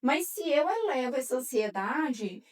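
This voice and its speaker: Woman, Brazilian Portuguese accent, psychologist, patient explainer, fillers, higher pitch, a little off mic. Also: sing-song, measured pace, far from the mic. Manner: patient, explains with everyday examples and many fillers. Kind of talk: explanatory podcast talk.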